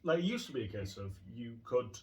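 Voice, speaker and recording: A man's voice: mid-range voice, very animated, a little fast. Man chatting, mic far off. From Teesside, North East England. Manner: chatty, explaining. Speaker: co-host. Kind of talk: casual chat. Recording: distant from the mic.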